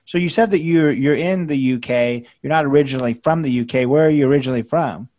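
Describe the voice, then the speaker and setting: A man's voice: medium pitch, fast talker, a little mellow. A man hosting a casual interview podcast, often stumbling over and restarting his words. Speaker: podcast host.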